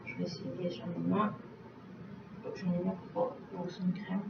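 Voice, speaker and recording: A woman's voice: fairly low pitch, level tone, a little slow, creaky, background noise. A woman vlogger chatting casually through a beauty box unboxing, filling her talk with little filler words, recorded on a webcam at home. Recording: roomy, distant, dull webcam sound.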